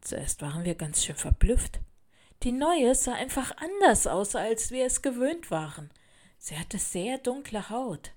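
A woman narrating a children's storybook in a clear, even storytelling manner. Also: a little high, unhurried.

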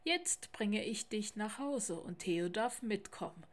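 A woman voicing a big, kind, grave male tiger father who speaks calmly in a storybook. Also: slow. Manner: calm, lowered and gentle.

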